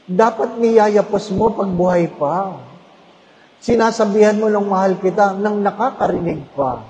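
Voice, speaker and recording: High-voiced priest in an echoing church. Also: male voice, measured pace, a little mellow, lo-fi sound. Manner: storytelling, humorous, addressing congregation. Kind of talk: homily. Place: parish church. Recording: church with long reverb.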